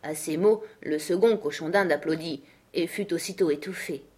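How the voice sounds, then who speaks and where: A woman reading a storybook aloud as audiobook narrator, in a steady, even style. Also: sits low, normal speed, husky. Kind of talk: scripted narration.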